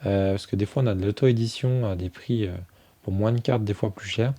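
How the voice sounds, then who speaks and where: Man, low voice, mellow dark tone, dry close sound, chatty card review. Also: steady tone, brisk, no room sound. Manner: chatty, many fillers, thinks aloud while flipping cards. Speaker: tarot deck reviewer. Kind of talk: casual unboxing review.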